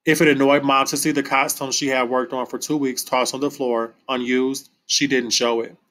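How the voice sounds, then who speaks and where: A man reading a novel aloud in a plain, unhurried way, with small slips and restarts. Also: mid-range voice, little pitch movement, fairly bright tone, poor audio. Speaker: reader.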